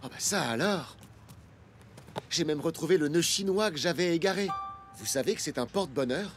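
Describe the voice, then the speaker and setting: A man voicing a kindly, welcoming shopkeeper in an animated series, speaking to children in a reassuring, explanatory way. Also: fairly high pitch, moderate pace, music in the background, close to an everyday voice. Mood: kindly, helpful.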